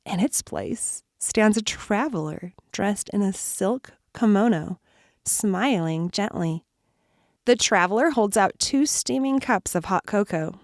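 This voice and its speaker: A woman narrating a children's campfire story, soothing and slow, with whispered parts and call-and-response. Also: mid-range voice, expressive, no room sound, studio quality.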